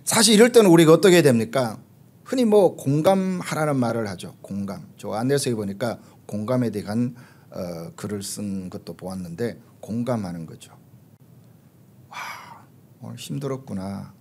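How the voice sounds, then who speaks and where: Korean pastor preaching, lively storyteller. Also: male voice, lowish voice. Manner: storytelling with acted quotes, frequent "uh" fillers. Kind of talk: sermon.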